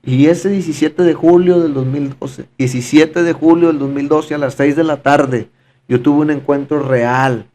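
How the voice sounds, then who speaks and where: A man's voice: fairly high pitch, steady tone, unhurried, dark tone, a little hiss or hum. A man giving a fervent, repetitive personal testimony in conversation, often calling his listener brother. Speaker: podcast guest giving testimony.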